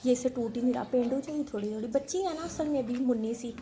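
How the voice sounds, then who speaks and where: Chatty Pakistani mom vlogging at home. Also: female voice, fairly high pitch, fast talker, mellow, rough recording. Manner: chatty, addresses viewers politely with "ji". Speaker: family vlogger and mother. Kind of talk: casual home vlog narration to viewers. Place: home kitchen and bedroom, indoors. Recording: household background noise.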